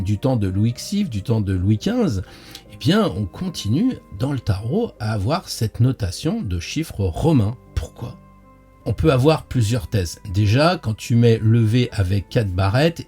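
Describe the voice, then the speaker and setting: A man who teaches tarot and hosts a tarot channel explains things casually and playfully, speaking directly to the viewer and hesitating often. His voice is lowish and mellow.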